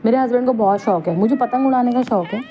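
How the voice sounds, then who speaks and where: A woman's voice: a little high, fast, mellow. A young woman casually narrating a family vlog, chatty and homely in her storytelling. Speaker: family vlogger.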